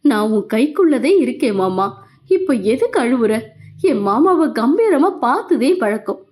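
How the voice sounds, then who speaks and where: A woman voicing an injured young woman who gently scolds and reassures her beloved, in an audio novel. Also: sits high, sing-song, measured pace. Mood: tender firm. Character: injured young woman, tender but firm.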